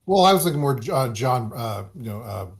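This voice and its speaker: A man playing a tabletop wargame, chatting casually with a wry, halting delivery. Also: mid-range voice, expressive. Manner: halting, many fillers, wry. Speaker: player. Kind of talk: casual chat.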